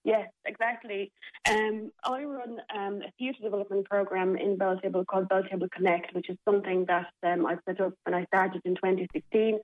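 A woman's voice: mid-range voice, level tone, brisk. A woman from the Republic, a theatre programme manager, speaking as a radio interview guest in a hesitant way with many fillers. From Czech Republic. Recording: tinny phone line.

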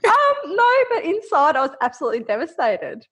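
A woman's voice: sits high, huge pitch swings, brisk, a bit bright. A woman with a Queensland Australian accent chatting casually as a podcast guest.

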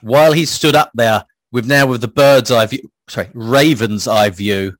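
A man's voice: mid-range voice, moderate pace, fairly bright tone. A man playing a tabletop game, playful and jokey, describing his characters' actions. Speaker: player.

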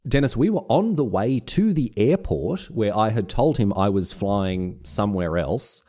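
Lively low-voiced Australian man. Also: a little slow. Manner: animated storytelling, frequent restarts. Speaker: podcast co-host. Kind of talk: casual chat.

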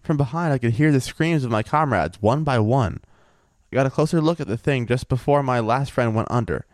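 Relaxed man telling a story. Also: mid-range voice, fairly quick, dry recording, clean studio sound. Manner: relaxed, thinks aloud with fillers. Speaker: podcast co-host telling a story. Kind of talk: casual storytelling.

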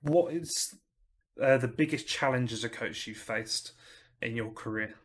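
A man's voice: medium pitch, measured pace, fairly bright tone. A young man hosting a football podcast, politely reading out prepared questions and wrapping up the show. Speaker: podcast host. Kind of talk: casual podcast interview.

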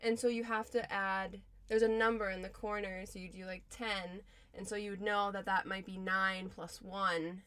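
Medium-pitched woman chatting inside a closet. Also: little pitch movement, moderate pace, hardly any pauses, a bit bright, clear, resonant tone. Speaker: podcast co-host. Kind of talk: casual podcast chat.

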